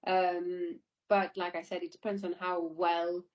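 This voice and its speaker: With a lowish voice, flat delivery and measured pace, a woman answers interview questions about her air traffic control work. Her answers are informal and explanatory, often repeating points, and the online call sounds dull and lo-fi.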